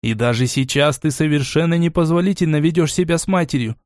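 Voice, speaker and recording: A man's voice: fairly high pitch, fast talker, a little mellow, no echo, clean studio sound, voice pushed up, close to an everyday voice. A man reading an audiobook and voicing a cold, domineering aristocratic mother who grumbles and commands.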